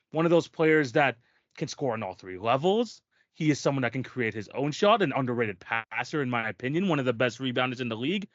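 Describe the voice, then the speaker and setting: A man's voice: on the high side, fairly bright tone, dry recording, lo-fi sound. A man co-hosting a sports podcast, talking in casual chat with emphatic, restarting sentences. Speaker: podcast co-host.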